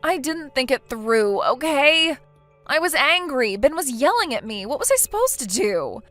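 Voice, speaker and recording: A woman's voice: sits high, very animated, moderate pace, fairly bright tone, faint music behind. A synthetic female voice playing a defensive, self-pitying wife who talks in a hesitant, whiny way.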